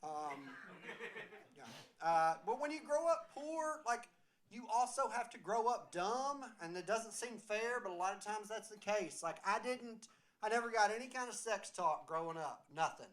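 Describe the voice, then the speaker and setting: A tipsy man with a Southern accent doing a loud, rambling stand-up set in a small comedy venue. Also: high voice, moderate pace. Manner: loud, rambling, excitable delivery.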